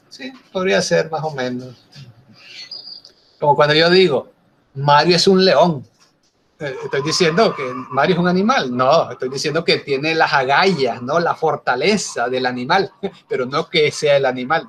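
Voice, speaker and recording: Male lecturer, higher-pitched, slight background noise, explanatory and patient. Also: fairly bright tone. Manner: explanatory, with frequent tag questions. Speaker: teacher. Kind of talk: online class lecture.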